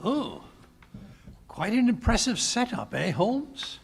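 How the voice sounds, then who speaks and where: An actor playing a blustering, bemused English gentleman doctor in a live radio mystery, hesitant and drawn-out. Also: high voice, huge pitch swings, vocal fry, heavily acted. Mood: impressed, bemused. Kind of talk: old-time radio drama acting on stage. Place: live stage performance at a conference. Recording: noisy live stage recording.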